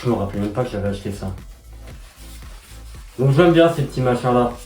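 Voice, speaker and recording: A man's voice: medium pitch, animated, brisk, a little mellow, faint music behind. Chatty man unboxing in an echoey room. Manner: chatty, slangy, exclaims at finds. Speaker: collector unboxing militaria. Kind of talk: casual unboxing commentary. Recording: echoey room, mic at a distance, noisy.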